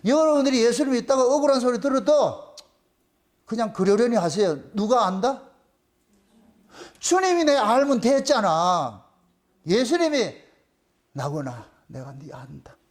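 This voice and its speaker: Brief: middle-aged pastor, high-pitched voice, insistent preaching that hammers points twice. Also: male voice, expressive. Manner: emphatic, repeating phrases with rising insistence; briefly sings a slow hymn line. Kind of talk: sermon.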